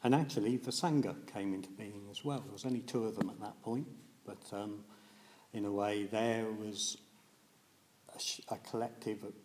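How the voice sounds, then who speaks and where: Man, buddhist dharma talk, low voice, mellow tone, reflective, halting with fillers. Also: slight background noise. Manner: reflective, hesitant, with many fillers. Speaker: Buddhist teacher.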